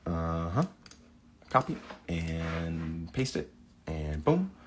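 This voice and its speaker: A man's voice: low-pitched, very animated, drawn-out words, slight background noise. A man reading AI video prompts aloud in a casual commentary, sometimes stumbling over words and reacting with delight. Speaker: video creator. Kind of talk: casual screen-recording commentary.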